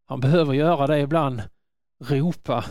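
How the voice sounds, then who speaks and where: A man preaching a sermon in an earnest manner, rising to loud calls when quoting. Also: medium pitch, clean tone, dry recording, studio quality.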